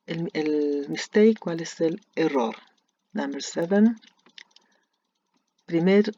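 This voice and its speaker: An English teacher with a Chilean Spanish accent explains grammar slowly and deliberately, repeating each example sentence. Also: medium pitch, dark tone, highs cut off, slight background noise. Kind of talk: recorded lesson explaining grammar.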